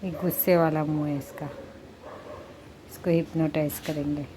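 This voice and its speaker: A middle-aged woman and mother talking through a casual home vlog in a slow, coaxing way, sometimes slipping into doting baby talk. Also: low-pitched, fairly even intonation, noisy background.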